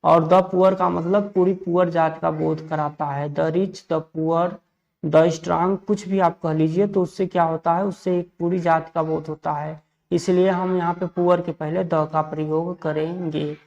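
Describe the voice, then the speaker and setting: A man from India teaching an English grammar lesson for exams. He asks questions and answers them himself, repeats set phrases, and reads the example sentences slowly. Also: a little high, flat delivery, vocal fry, darkish tone, muffled recording. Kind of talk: exam-prep grammar lesson.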